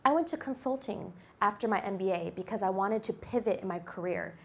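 A U.S. company executive in her forties gives a guest lecture to a university class, speaking into a handheld microphone from a lecture hall stage. In a medium-pitched voice at a slightly fast clip, she shares personal stories in a lively, upbeat way.

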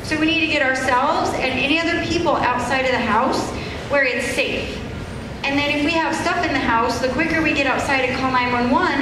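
A woman giving an instructive safety talk to young children, asking simple questions and answering them, over a microphone in a large indoor room. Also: high-pitched. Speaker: firefighter safety educator. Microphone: handheld microphone through speaker, recorded from across room. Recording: very echoey hall PA, noisy room.

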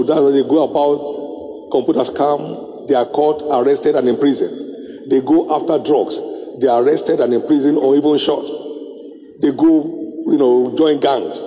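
A middle-aged man preaching a sermon on a handheld mic in a large church auditorium, slow and emphatic with drawn-out phrases and sudden high exclamations. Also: dark tone. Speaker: bishop preaching. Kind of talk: sermon exhortation. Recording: echoey hall reverb.

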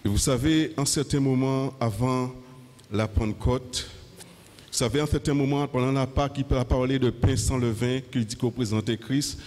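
A middle-aged man preaching a church sermon in a halting way, repeating words and phrases, on a handheld microphone in a hall. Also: medium pitch, fairly even intonation, darkish tone.

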